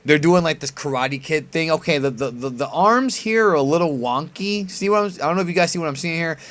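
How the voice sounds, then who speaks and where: A man's voice: a little high, lively intonation, a little fast, a bit bright. A man giving casual fan commentary as host of a reaction video, informal and a bit sweary. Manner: informal, mildly profane slang. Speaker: host reacting to an anime preview.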